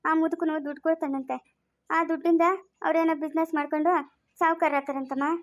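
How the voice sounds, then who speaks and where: A woman's voice: sits high, little pitch movement, fast talker. A woman playing a worried, tearful poor mother in an amateur family drama, speaking rural Chikkaballapur Kannada. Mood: pleading. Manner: pleading, emotional.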